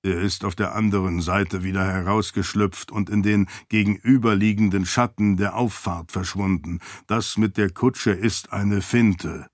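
A dutiful, formal light-spirit servant, as a man voices him in a storybook reading. He speaks low and measured, with stiff, deferential politeness. The sound is dry and close. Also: fairly even intonation, no room sound, natural voice. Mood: warning. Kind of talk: audiobook character voice.

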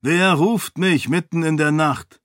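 A man's voice: fairly high pitch, a little slow, a bit bright, no room sound, studio quality, voice pushed up. Man doing a proud, alarmed king. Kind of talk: audiobook character voice.

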